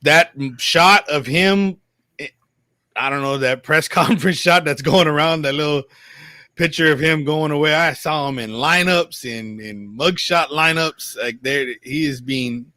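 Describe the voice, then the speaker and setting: A man's voice: fairly high pitch, unhurried, bright, forceful tone, no echo. A man giving rambling, emphatic opinions in casual sports chat on a talk show.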